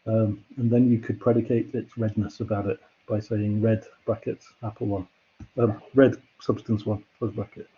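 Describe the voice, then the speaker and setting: A man's voice: on the low side, little pitch movement, normal speed, husky, lo-fi sound. A man giving a university lecture, explaining ideas patiently and step by step with examples. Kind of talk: classroom lecture.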